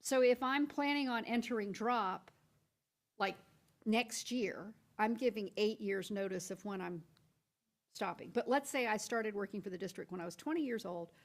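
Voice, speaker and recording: A woman's voice: mid-range voice, moderate pace. A woman school board member at a public workshop, laying out her point at length through step-by-step hypothetical examples with frequent restarts. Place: board meeting room.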